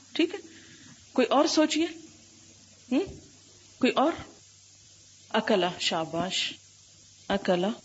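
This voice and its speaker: A woman Islamic scholar giving an Arabic grammar lesson, quizzing her students often and drawing out letters and examples slowly. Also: on the high side, slightly rough, muffled recording. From Pakistan. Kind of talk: classroom lecture with questions to students.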